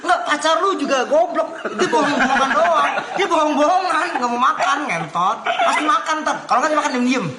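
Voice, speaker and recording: High-voiced ranting streamer. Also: male voice, expressive, fairly quick, hardly any pauses. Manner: loud, cursing, laughing rants at chat. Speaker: live streamer. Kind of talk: ranting live-stream chat. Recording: echoey room with crowd noise.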